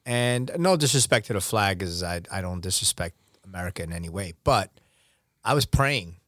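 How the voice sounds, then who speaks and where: A man talks openly as a podcast guest, pausing and restarting often, his words sometimes fading quieter. His voice is on the low side. The recording is dry and close. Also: expressive, no room sound. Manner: candid, halting, many fillers, trailing softer. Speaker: podcast guest, basketball referee. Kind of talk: casual podcast conversation.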